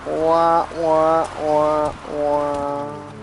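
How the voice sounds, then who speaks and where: Pun-telling man, slightly high voice. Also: completely flat delivery, very slow, noisy background. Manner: punning, dry joking. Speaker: co-player. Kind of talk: casual chat while gaming.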